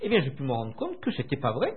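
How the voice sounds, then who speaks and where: An older man from France tells his story in an interview with a lively, swinging intonation. His voice is a little husky, and he hesitates often with filler sounds. The sound is tinny and narrow, like a phone line. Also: medium pitch. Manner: hesitant, many filler pauses. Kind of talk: recounting memories in conversation.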